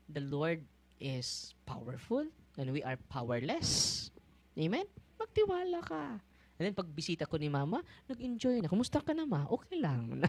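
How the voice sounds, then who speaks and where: Animated Filipino priest preaching. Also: male voice. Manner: switches between Tagalog and English, keeps asking the crowd for agreement; laughs easily, animated swings in pitch. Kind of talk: conversational preaching to a congregation.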